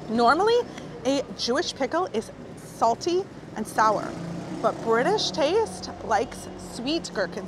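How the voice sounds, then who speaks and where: A woman guiding a food tour, talking in a chatty, enthusiastic way. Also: fairly high pitch. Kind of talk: guided food vlog. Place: outdoors and inside small food shops. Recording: noisy street background.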